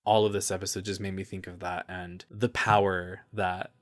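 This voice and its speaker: This personal podcast's host is a man with a deep voice, speaking in a level tone at a moderate pace. Between read passages he wanders into loose, rambling asides, coming across as earnest, reflective, and openly emotional.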